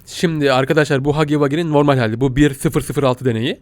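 A young man commentating a game he plays, panicking, shouting and laughing in mock fear. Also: medium pitch, fairly even intonation, quick pace, no echo. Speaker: gaming YouTuber. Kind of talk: excitable gameplay commentary.

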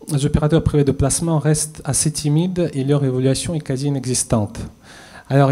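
On a conference stage before an audience, a policy expert in his thirties on a panel delivers a prepared statement into a handheld mic. His medium-pitched, mellow voice is measured but hesitant, full of fillers and restarts.

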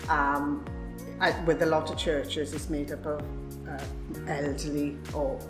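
A woman's voice: low voice, level tone, a little slow. An older woman, a church secretary, talking hesitantly with frequent ums in an interview inside a church. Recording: roomy church with background music.

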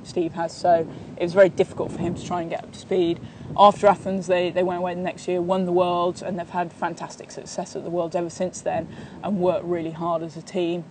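A woman's voice: lowish voice, a little mellow, slight background noise. A woman in her thirties, a sailing coach, answering interview questions outdoors in a sunny park, talking steadily with many fillers and restarts. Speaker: sailing coach and training partner.

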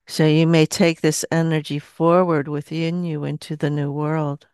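Her voice clear and resonant, a woman in her sixties channels a seance medium in trance, delivering brief phrases with solemn, even pitch and lengthy pauses. The close headset recording is dry, made in a small, dimly lit indoor room.

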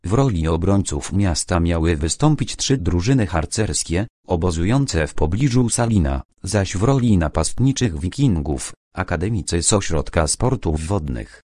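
Male audiobook narrator, crime novel, measured reading, very low voice, dry close sound. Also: lively intonation, dark tone, dry recording. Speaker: audiobook reader.

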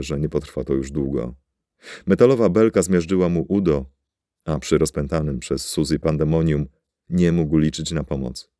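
A man narrating a science fiction story with steady, dramatic storytelling. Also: very deep voice, dry recording, studio quality. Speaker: audiobook narrator. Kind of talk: scripted narration.

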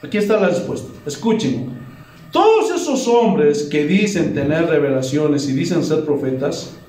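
Brief: Bolivian male pastor, high voice, animated sermon, recorded from a distance in a roomy church. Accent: Bolivian Spanish. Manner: animated preaching, frequent "Gloria a Dios". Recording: echoey room, voice from far off.

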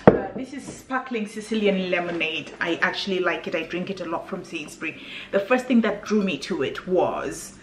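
A woman chatting casually through a grocery haul at home, sometimes dropping to a whisper. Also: mid-range voice. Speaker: vlogger. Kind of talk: casual shopping haul chat. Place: home kitchen. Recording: echoey room, far from mic, background noise.

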